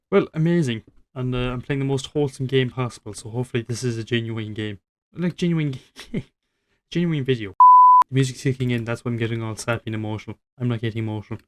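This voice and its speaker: A nineteen-year-old man rambling reflectively over gameplay, self-deprecating and swearing casually, his voice trailing off quietly. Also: medium pitch. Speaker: gaming YouTuber.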